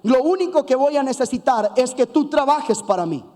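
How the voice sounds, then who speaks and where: A man preaching a sermon, telling a Bible story with lively asides and acted-out voices. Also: very high voice, normal speed, in a large hall. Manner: animated storytelling with playful asides; acts out voices of biblical figures.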